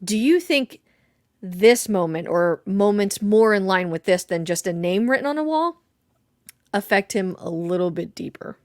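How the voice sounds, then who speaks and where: A woman co-hosting a casual podcast chat about a video game, thoughtful and quick to laugh, recorded close on a desk mic. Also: mid-range voice, animated, dry recording. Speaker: podcast co-host.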